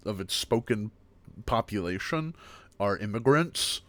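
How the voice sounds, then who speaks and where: An American man giving a casual livestream language lesson, repeating each example word slowly and chatting between them. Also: lowish voice, expressive, fairly bright tone, no room sound. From United States. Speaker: streamer teaching a language. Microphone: streaming mic.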